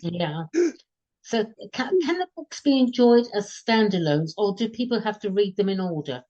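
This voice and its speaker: A woman's voice: mid-range voice, lively intonation, moderate pace, mellow, muffled recording. A woman hosting a book podcast, asking questions and encouraging her guest with short replies. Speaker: podcast host. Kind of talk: podcast interview.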